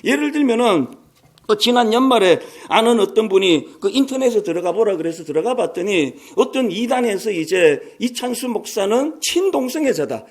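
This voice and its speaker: A man in his sixties preaches a sermon in a strikingly high voice. His pitch swings widely as he tells stories and drops in humorous asides. He sounds lively and conversational from the pulpit. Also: moderate pace. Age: 60s. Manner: animated, storytelling with humorous asides. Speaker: pastor.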